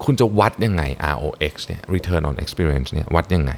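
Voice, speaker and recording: A man's voice: very deep voice, a little fast. A man with a Thai accent explaining business research findings in a solo talk, mixing in English terms and polite particles. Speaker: podcast host.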